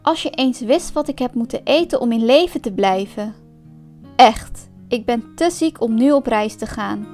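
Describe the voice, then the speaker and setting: A cunning male fox from a storybook who sweet-talks with fake friendliness and quiet mockery, as a woman puts him on. His voice sits a little lower than the narrator's but is still bright and high. Faint music plays underneath. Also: lively intonation, moderate pace. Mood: sly. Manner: sweet-talking, feigning friendliness, mocking. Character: sly cunning male fox, smooth and mocking.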